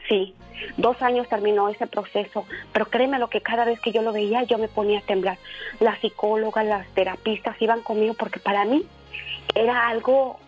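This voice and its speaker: A woman's voice: on the high side, fairly even intonation, breathy edge, soft background music. Earnest woman caller on a dull radio line. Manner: earnest, halting, many fillers and restarts. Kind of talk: emotional personal story on a call-in show.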